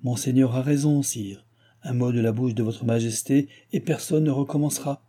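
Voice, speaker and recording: A man reading an audiobook and voicing a haughty minister duke who speaks in a cold, measured and unyielding way, with a husky voice. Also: medium pitch, mellow, lightly acted. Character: cool, haughty male duke, a royal minister.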